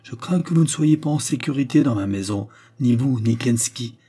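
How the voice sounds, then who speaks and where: Man reading as a worried guy urging folks to run, pressing tone, dark husky voice. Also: mid-range voice, lively intonation, moderate pace. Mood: urgent. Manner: urgent, pressing. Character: anxious middle-aged male protector, urgent.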